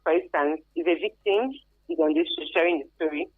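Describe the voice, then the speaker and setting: A Nigerian-accented woman, appearing as an expert guest and career advisor, explains things earnestly and repeats phrases for emphasis on a phone-like radio recording. Her fairly low voice moves briskly with lively intonation, and there's no echo.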